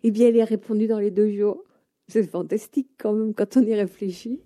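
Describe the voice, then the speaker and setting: An older woman from France, a guest in an interview, telling a personal story in an animated, hesitant way with many fillers. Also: mid-range voice, fairly quick, dry recording, clean studio sound.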